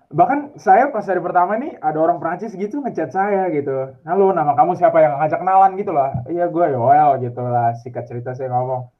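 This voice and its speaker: Young male student, from Indonesia, chatty and animated; tinny phone-line sound. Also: a little high, fairly quick. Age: young adult. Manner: chatty, animated storytelling with laughs. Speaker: student abroad. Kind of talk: casual video call chat. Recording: tinny phone-like call audio.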